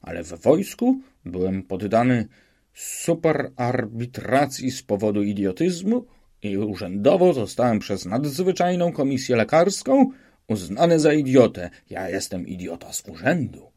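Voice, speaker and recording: A man's voice: mid-range voice, sing-song, a little slow, dark tone. A man voicing a naive, cheerful soldier who talks earnestly and rambles politely in an audiobook. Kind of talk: audiobook reading.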